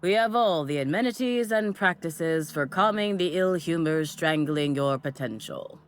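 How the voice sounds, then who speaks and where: A woman voicing a devoted female cult assistant in a game, giving a chipper pitch that sags into tired resignation. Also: expressive, moderate pace. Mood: sales pitch. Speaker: voiced game character.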